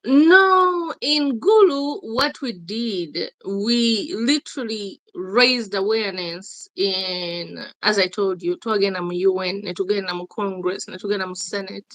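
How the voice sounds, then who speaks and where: Appearing as an interview guest, a Ugandan activist speaks emphatically and insistently, repeating her points while mixing English and Luganda. Her mid-range voice is a bit bright, measured in pace with few pauses, and the recording is dry.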